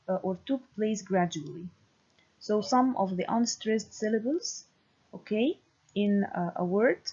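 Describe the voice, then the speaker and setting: A woman giving a recorded university lecture, speaking deliberately and often pausing to check understanding with "okay". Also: on the high side, darkish tone, breathy edge. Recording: dull lo-fi recording.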